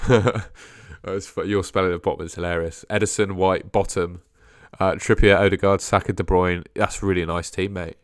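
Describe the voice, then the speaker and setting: Answering viewers in a relaxed livestream, this young fantasy football host sounds a bit hoarse, his sore throat leaving him low-voiced and losing his voice. Delivery is flat and normal in speed, full of hedging, with lines fading quietly at the ends. The studio-quality audio is dry.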